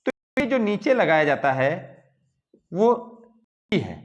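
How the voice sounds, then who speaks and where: With the highs cut off, the audio carries a high-pitched, very animated male voice. He's at a board teaching Hindi grammar one step at a time, speaking slowly and checking in with a repeated "ठीक है" ("okay") between points.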